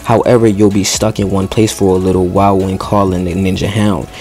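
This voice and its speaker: A man, a gaming YouTuber, reading game update notes aloud, stumbling over words now and then and breaking off for slangy, excited asides. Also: low-pitched, a little fast. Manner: slangy excited asides between read passages; stumbles and restarts while reading.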